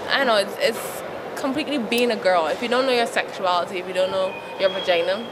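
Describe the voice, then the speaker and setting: Speaking quickly in a mid-range voice, a young Barbadian woman answers an interviewer's questions outside while traffic passes. She's a youth advocate with a Barbadian accent, frank in her replies and quick to laugh.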